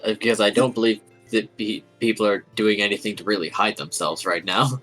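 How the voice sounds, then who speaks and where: A man's voice: fairly low pitch, level tone, brisk, fairly bright tone, soft background music. A man talking casually as a game master in a tabletop role-playing session.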